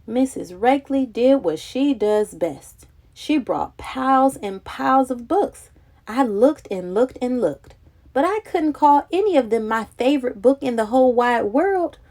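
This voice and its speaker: Here a high-pitched woman keeps a measured pace as she reads from a children's picture book. She delivers it with expressive, dramatic, childlike flair.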